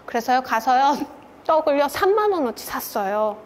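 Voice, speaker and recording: Middle-aged lady lecturer telling a story, really lively pitch, acts out the lines, long hall echo. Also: moderate pace, a little hiss or hum. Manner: animated, acts out quoted dialogue. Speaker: lecturer, consultancy head.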